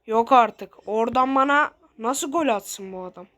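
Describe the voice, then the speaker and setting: A woman commenting on her own football video game match, shouting, exasperated and swearing at the game. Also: on the high side, moderate pace. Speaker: gaming video host. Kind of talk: excited live game commentary. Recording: loud background noise and clicks.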